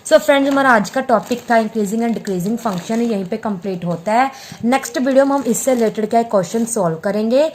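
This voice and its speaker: A woman's voice: on the high side, a little fast, darkish tone, slight background noise. A woman teaching a maths lesson, patiently explaining graphs, repeating her points and answering her own questions, mixing Hindi with English maths terms. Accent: Hindi-English mix with English maths terms.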